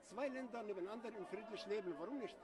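A middle-aged man from Egypt answers a street interview in a fairly high voice, pausing and hesitating often. He sounds a little distant from the mic, with a loud crowd all around him outdoors. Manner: halting, hesitant, with many fillers. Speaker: interviewee at a protest. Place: outdoor city street at a protest. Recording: distant voice over crowd noise.

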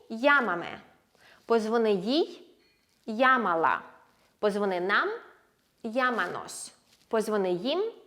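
Lady teacher walking through grammar slowly and patiently, a bit high voice, stretches out the example words. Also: a bit bright. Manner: patient, explains step by step, slows down on example words. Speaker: Spanish teacher. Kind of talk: language lesson explanation.

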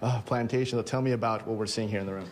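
A man's voice: fairly low pitch, fairly even intonation, very fast, slight background noise. A man reporting from the field for TV news, prompting his guest and promoting the event in an upbeat way.

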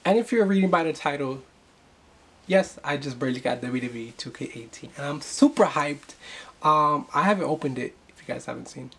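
A young man chatting casually to the camera in an excitable, rambling way. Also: fairly high pitch, a little fast, gravelly, husky. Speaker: gaming YouTuber. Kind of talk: casual vlog chat.

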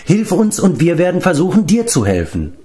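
An earnest young male hero presses for answers in a storybook reading, as a man reads him. His voice sits raised and lively, urgent and pleading throughout. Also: on the high side, normal speed, voice pushed up, close to an everyday voice. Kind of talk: audiobook character reading.

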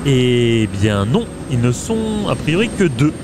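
A man's voice: medium pitch, big pitch swings, slow pace, noisy background. A man giving casual, hesitant gameplay commentary with many filler sounds. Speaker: let's play gamer. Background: game music.

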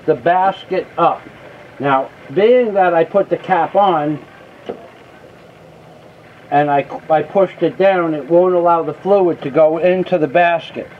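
A man patiently explaining a machine repair outdoors, step by step, recorded on a camera mic. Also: sits high. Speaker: mechanic demonstrating a repair. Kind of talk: casual how-to instruction. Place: outdoors beside heavy machinery. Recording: phone-like, faint outdoor noise.

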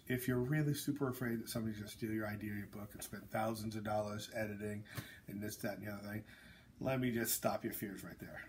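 A man's voice: on the low side, slight background noise. Blunt joking man in casual chat. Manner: blunt, joking, rambling with fillers. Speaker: author and host.

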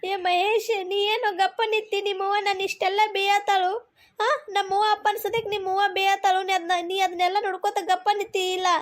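A woman's voice: extremely high pitch, level tone, fast talker. A woman with a Belagavi Kannada accent voicing a young, aggrieved daughter-in-law who complains tearfully in a cartoon comedy. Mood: complaining.

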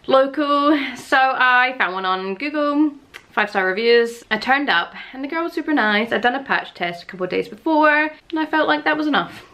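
Woman in her 30s doing a chatty home vlog, mid-pitch, laughs a lot while telling stories. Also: a bit bright. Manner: chatty storytelling, laughing often. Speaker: lifestyle vlogger. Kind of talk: casual vlog chat to camera.

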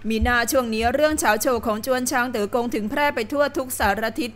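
Woman narrating a novel calmly. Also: sits high, quick pace. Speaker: audiobook narrator. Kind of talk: scripted narration.

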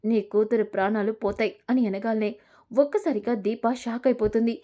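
Woman narrator, slightly high, mellow voice, dramatic story recap with acted character lines. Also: steady tone, brisk. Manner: voices every character's lines herself, raising her voice for shouts.

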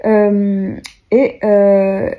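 A woman's voice: mid-range voice, completely flat delivery, very slow, phone-quality sound. A young woman, chatting casually to viewers in a rambling vlog, with many fillers and restarts. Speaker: vlogger.

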